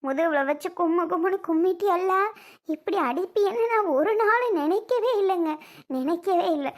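Woman playing shrill defiant young wife. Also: normal speed. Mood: wailing. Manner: taunting, shrill and tearful. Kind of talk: family skit acting.

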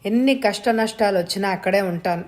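A woman voicing a quiet, respectful young woman who speaks softly but steadily in an audiobook story. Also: mid-range voice, brisk, lightly acted. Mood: firm.

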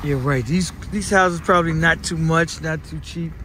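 A man's voice: on the high side, steady tone, normal speed, noisy background. Laid-back slangy Chicago man vlogging. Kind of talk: casual vlog tour. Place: various, car, bar and indoors. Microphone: phone at arm's length.

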